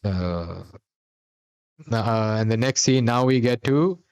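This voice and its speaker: A man's voice: mid-range voice, slow pace, darkish tone, clear, resonant tone. A man co-hosting a podcast, recapping a TV episode in a rambling, casual chat full of fillers and restarts. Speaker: podcast co-host.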